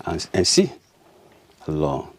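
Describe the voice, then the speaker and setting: A man from Haiti with a Haitian Creole accent, speaking as a guest in a casual interview, animated and laughing often. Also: rumbling low, takes it slowly.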